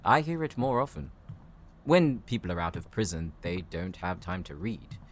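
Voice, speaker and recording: A man playing a calm, bookish professor in an audio roleplay, speaking politely and formally. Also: low-pitched, normal speed. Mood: courteous, helpful. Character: courteous, bookish male professor, calm and considerate. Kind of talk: scripted audio roleplay addressed to the listener.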